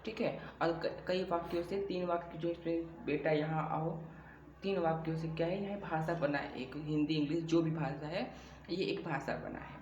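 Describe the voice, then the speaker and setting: A man teaching a grammar lesson, explaining slowly and repeating himself, often asking a question before he answers it. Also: on the high side, a little mellow, highs cut off. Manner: slow, repetitive explaining with rhetorical questions. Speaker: Hindi teacher. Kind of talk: classroom-style grammar lesson. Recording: echoey room with faint background hum.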